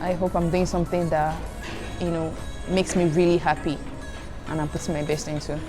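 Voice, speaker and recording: A young Nigerian student vlogger, whose first language is Igbo, answers questions in a casual chat with viewers over background music. Her lowish voice is delivered flatly at a moderate pace. She's chatty, calls her audience "guys" and giggles between answers.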